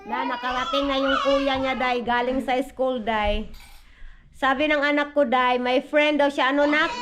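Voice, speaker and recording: A woman's voice: high voice, fairly even intonation, moderate pace, noisy background. A Filipino mother with a Visayan accent, chatting casually on a home vlog and cooing to her baby. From Philippines. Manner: chatty, mixes languages, coos at the baby. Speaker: vlogger and mother. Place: family home indoors.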